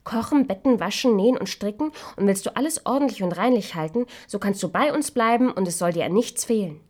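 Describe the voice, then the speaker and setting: Seven small, kind and fussy dwarf men from a storybook, as a woman reading aloud puts them on. They ask their questions in a puzzled way, now and then dropping to a hushed whisper, with a lively rise and fall in the voice. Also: mid-range voice, a little fast, close to an everyday voice. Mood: kindly.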